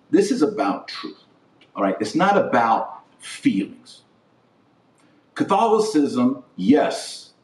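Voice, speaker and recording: A middle-aged man with a fairly low, slightly mellow voice hosts a podcast, offering opinion commentary. He speaks emphatically in short declarative phrases, repeating words to drive each point home. Recorded on a webcam setup, he sits a little away from the mic in a roomy, echoing space.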